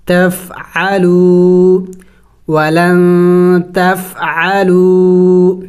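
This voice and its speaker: Tajweed teacher, resonant clear voice, middle pitch, slow spelled syllables, brisk explanations, close mic. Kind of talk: step-by-step recitation lesson.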